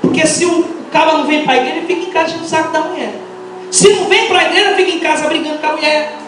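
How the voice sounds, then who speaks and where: A middle-aged woman with a Brazilian accent preaching an impassioned Pentecostal sermon, firing rhetorical questions and breaking into shouts. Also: high voice, steady tone, racing, background noise. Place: large church hall. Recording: echoey church hall, mic far off.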